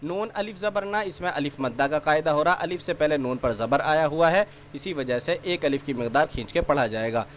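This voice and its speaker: A man teaching a Quran reading lesson, drawing out letters slowly in recitation and then explaining the rules quickly and patiently, step by step. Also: on the high side, a little hiss or hum. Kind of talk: recorded spelling and recitation lesson.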